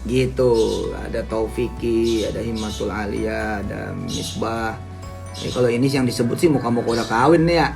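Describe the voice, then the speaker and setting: A man's voice: lowish voice, moderate pace, creaky, music in the background. A middle-aged man with a nasal voice, preaching in a casual, joking way and asking the audience questions. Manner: lively, jokey, asks the audience questions. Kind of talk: casual Islamic teaching talk.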